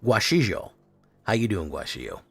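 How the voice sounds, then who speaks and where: A Chilean man streams a card game, chatting in a relaxed way with viewers, reacting to their messages and to plays, while faint music plays. His voice is lowish and husky at a moderate pace, with no echo.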